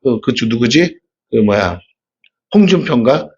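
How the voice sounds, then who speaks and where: A man's voice: medium pitch, animated, a little slow, darkish tone, lo-fi sound. A man with a Gyeongsang accent preaching a sermon in a church, talking conversationally and asking the congregation rhetorical questions. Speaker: pastor. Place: church sanctuary.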